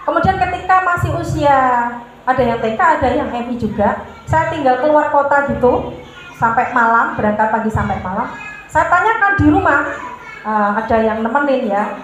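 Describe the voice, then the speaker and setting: A woman with a high, light voice gives a parenting talk to an audience of mothers. She asks the crowd questions and then answers them herself, and now and then she slips in words. Her voice rings through a big, echoing hall, with steady background noise underneath it. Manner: calls listeners "Bunda", asks and answers own questions; mixes in Javanese words. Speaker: parenting speaker.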